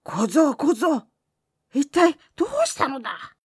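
A woman's voice: mid-range voice, big pitch swings, slow, dry recording, clean studio sound. A woman doing a stingy scolding old priest. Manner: gruff, scolding, shouting.

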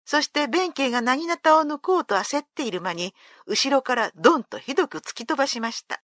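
Expressive woman reading a folk tale. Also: high voice, fairly quick, no echo, clean studio sound. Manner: clear, expressive read-aloud. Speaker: storyteller.

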